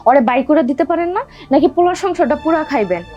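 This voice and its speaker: An actress playing a sharp-tongued, resentful daughter-in-law who taunts her family. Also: sits high, expressive, quick pace, lo-fi sound, soft background music. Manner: sarcastic, taunting. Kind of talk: television drama acting.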